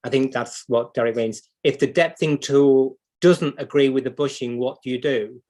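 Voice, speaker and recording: A man's voice: mid-range voice, steady tone, moderate pace, darkish tone. A man with a British accent gives an unscripted, hands-on repair demonstration, explaining as he goes and thinking aloud. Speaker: clock repair instructor and livestream host.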